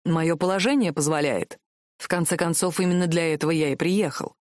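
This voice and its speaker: A woman's voice: on the low side, fairly quick, dry recording, clean studio sound, voice pushed down, lightly acted. Woman doing a cool, teasing prince. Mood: calm. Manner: calm, self-assured, mocking. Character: teasing, stubborn young male prince in love. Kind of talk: audiobook character voice.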